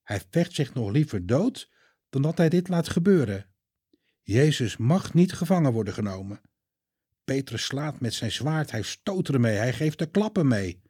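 A man telling a children's Bible story in a calm, clear way. His voice is mellow and slightly husky, and the recording is dry and close with no room sound. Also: mid-range voice, moderate pace, dry recording.

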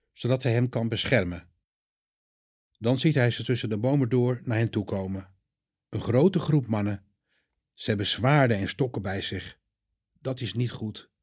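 A man narrating a Bible story for children in a calm, clear storytelling manner. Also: lowish voice, no echo, clean studio sound.

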